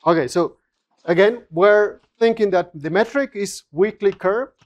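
Lecturer, mid-pitched, explains calculations aloud, halting and self-correcting. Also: dull audio. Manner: explanatory, with frequent restarts and fillers. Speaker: physics lecturer. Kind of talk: university lecture. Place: lecture room.

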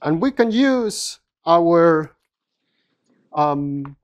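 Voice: medium pitch, lively intonation, very slow, muffled recording. Lecturer working through equations. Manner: explanatory, with frequent restarts and fillers. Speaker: physics lecturer. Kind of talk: university lecture. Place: lecture room.

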